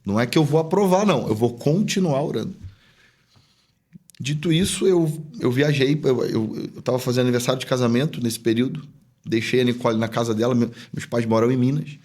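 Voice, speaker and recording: A man's voice: medium pitch, a little fast, a little mellow. A man who is a pastor and business owner, telling a personal story as a podcast guest in a chatty, earnest way and acting out remembered dialogue. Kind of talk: casual storytelling in a podcast interview.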